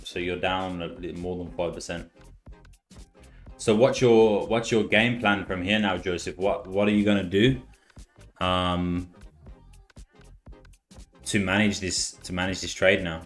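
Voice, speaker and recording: A deep-voiced man with a Birmingham accent worn smooth by years abroad talks casually on a live stream. He repeats himself and drops in "like" and "man". Soft music plays faintly behind him. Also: measured pace, long pauses. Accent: Birmingham English, softened by years in Australia. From Birmingham, England. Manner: relaxed and chatty, repeats words, says "like" and "man" often. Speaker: live-stream trading host. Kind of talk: casual live-stream chat and chart commentary.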